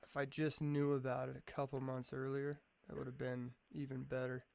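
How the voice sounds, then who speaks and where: A man's voice: mid-range voice, monotone, normal speed, gravelly, very noisy. A man as a podcast guest in casual chat, a laid-back, profane storyteller who keeps calling people "man.".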